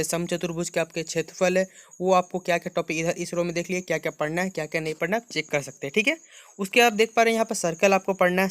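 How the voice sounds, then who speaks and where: A man's voice: sits high, a bit bright, smooth, no echo. A man, talking students through a syllabus and mixing Hindi with English terms. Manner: repeats "ठीक है" and "आपको", mixes Hindi with English terms. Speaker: teacher going over a syllabus. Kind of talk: screen-share walkthrough.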